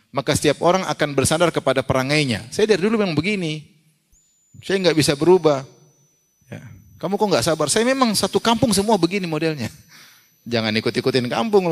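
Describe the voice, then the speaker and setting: A man preaching an Islamic sermon, reciting hadith in Arabic and asking his listeners questions he then answers himself, sometimes acting out the people he quotes. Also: medium pitch. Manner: asks the audience questions and answers them himself; acts out quoted people in a raised voice. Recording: long hall reverb.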